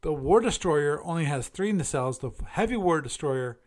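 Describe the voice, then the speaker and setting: The host of a relaxed one-man podcast, he has a fairly high, expressive voice and a moderate pace. His talk is chatty and reflective as he reviews, with frequent self-corrections.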